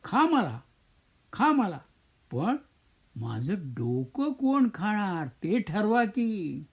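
A man's voice: high-pitched, very animated, very slow, a little mellow, slightly rough, heavily acted. Older man voicing a pleading, clever old woman. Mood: cunning. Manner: pleading, chanting singsong refrains. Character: frightened but clever old village woman.

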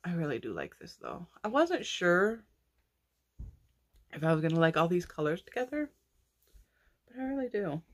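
A woman's voice: fairly low pitch, huge pitch swings, normal speed, long pauses. A young woman casually chatting about her crochet projects and family, rambling with frequent restarts. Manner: rambling, restarts often, yawning. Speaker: crochet vlogger. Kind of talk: casual chat.

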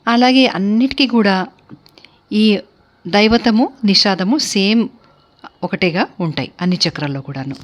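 Woman teaching music theory, steady pace. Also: medium pitch, measured pace, pauses often. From India. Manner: steady, explanatory, lists terms one by one. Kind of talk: spoken lecture.

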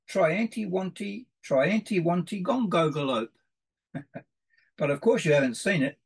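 A man's voice: on the high side, gravelly, breathy edge. A middle-aged man, giving a homely, rambling introduction and reading poems aloud in a sing-song way. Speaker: presenter. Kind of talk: informal introduction with poetry read aloud.

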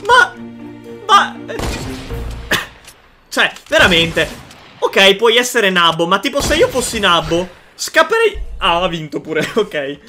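With faint music behind him, a gaming video host in his 20s comments on game clips from his indoor streaming setup. His voice is high-pitched, sing-song, slow, bright and forceful, with long pauses, as he tries not to laugh and repeats lines in playful mock sympathy.

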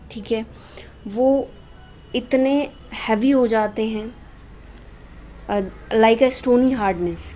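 A homeopathy teacher with an Indian accent gives a conversational lesson, reading her notes aloud, explaining them and repeatedly checking with "okay." Her voice is on the high side with a darkish tone. It's a noisy home-made screen-recording voiceover with clear background noise.

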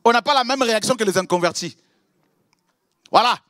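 Male preacher, high voice, very lively intonation, dry close sound. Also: fairly quick, no echo. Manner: animated, acts out prayers and dialogues with God; swings between loud exclamations and hushed low asides. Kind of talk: sermon.

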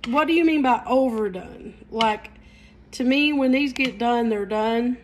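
Hosting a live cooking stream in her home kitchen, a middle-aged Appalachian woman from Southeast Kentucky's mountains talks folksily and throws in "y'all." Her pitch is fairly high and her pace a little slow. A slight hiss or hum can be heard.

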